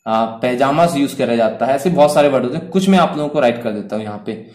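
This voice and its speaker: A man's voice: medium pitch, expressive, quick pace, a little mellow. A man teaching grammar to students in Hindi mixed with English words, asking and answering his own questions as he goes. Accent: Indian English words in Hindi speech.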